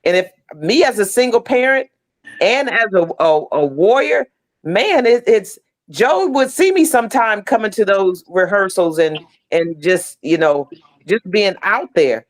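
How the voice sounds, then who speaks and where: Speaking a little slowly in an animated mid-range voice, a middle-aged American woman appears as a podcast guest over video call. She acts in stage plays, and her casual, heartfelt talk is emphatic and full of repeated phrases.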